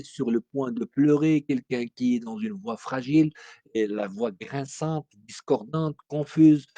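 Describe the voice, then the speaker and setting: A man's voice: mid-range voice, darkish tone, dry recording. A man from Morocco, giving a spoken lecture as a teacher in an explanatory way with frequent hesitations.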